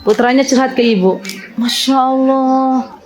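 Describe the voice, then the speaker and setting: Lively high-voiced female religious teacher. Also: measured pace, noisy background. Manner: lively, teasing, laughs often, questions audience. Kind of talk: interactive religious talk with audience.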